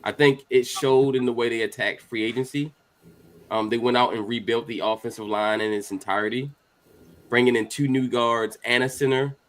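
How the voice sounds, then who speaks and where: A man's voice: medium pitch, steady tone, moderate pace. Man hosting a sports podcast. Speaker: podcast host. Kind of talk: casual sports chat.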